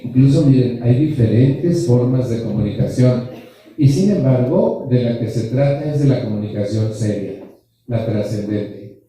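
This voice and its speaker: A man's voice: mid-range voice, a little slow, warm tone. A man giving a joking, blunt motivational talk to a group, full of rhetorical questions and slang. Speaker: speaker at a support group anniversary. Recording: echoey hall, distant mic.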